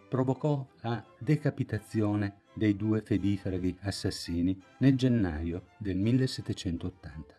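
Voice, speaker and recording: A man giving scripted documentary narration as a voice-over, in a slow, measured storytelling manner. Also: fairly low pitch, warm tone.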